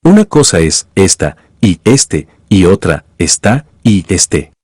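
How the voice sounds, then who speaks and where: A man with a very deep, slightly husky voice narrates a scripted grammar lesson. He explains rules in a measured, teacherly way and reads example sentences aloud. The voice-over sounds dry and close to the mic. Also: big pitch swings, darkish tone, dry recording. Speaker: language teacher.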